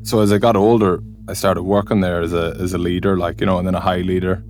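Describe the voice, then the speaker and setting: Deep-voiced Irish man telling a story. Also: level tone, fast, darkish tone, soft background music. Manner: colloquial, peppered with "like, you know". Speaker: guest narrator. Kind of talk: personal storytelling, conversational narration.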